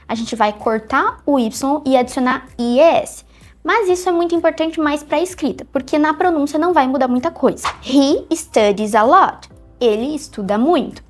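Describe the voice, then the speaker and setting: High-voiced woman teaching English, music behind. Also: a little mellow. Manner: clear, explanatory, slows down for example sentences. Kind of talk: online English lesson.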